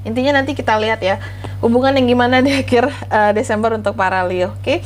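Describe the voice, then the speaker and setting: A woman's voice: on the high side, fast talker, slight background noise. An Indonesian woman with a congested, blocked-nose voice from a cold, chatting through a tarot reading as host and often adding questioning tags. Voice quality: congested, stuffy-nosed voice from a cold. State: has flu with blocked nose and sore throat, clearing throat. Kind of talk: casual tarot reading narration.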